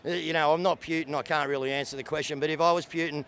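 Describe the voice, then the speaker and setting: A man's voice: a little high, steady tone, rapid-fire, fairly bright tone, a little hiss or hum. A man at an outdoor rally talking in a casual, rambling way in a street interview. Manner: casual, rambling, lots of "you know what I mean". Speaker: rally attendee.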